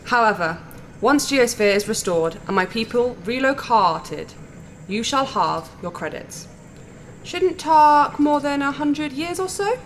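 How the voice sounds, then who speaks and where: In a sci-fi audio drama, a woman plays a huge, blunt insectoid alien princess, speaking formally, deliberately and regally with strange vowel sounds. Her voice is a little high and sing-song, with a slight hiss or hum. She sounds lofty and matter-of-fact.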